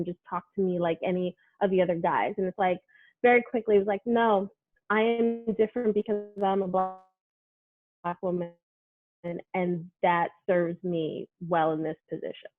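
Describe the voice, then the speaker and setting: A female sports reporter from Brooklyn, New York, chats casually in an interview, animated and full of fillers like "like" and "you know." Her voice is lowish. The sound is phone-quality, with no echo.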